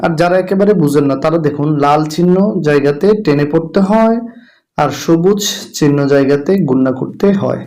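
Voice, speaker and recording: A man's voice: a little high, a little fast, mellow. A man teaching Quran reading, spelling each letter and vowel mark aloud, then blending and chanting the verse. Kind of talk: slow spelled-out recitation lesson.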